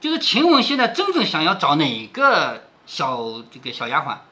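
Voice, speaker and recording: A man reading a classic novel aloud to his daughter, pausing to explain and asking rhetorical questions. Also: a little high, wildly swooping pitch, bright, forceful tone. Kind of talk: storytelling with explanations.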